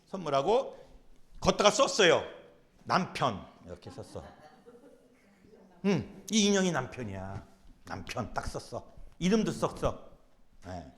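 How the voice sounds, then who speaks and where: A man, a pastor, giving an animated lecture to a class. He speaks emphatically, repeats his key phrases, and acts out quotes in character. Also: mid-range voice, a little slow, pauses often.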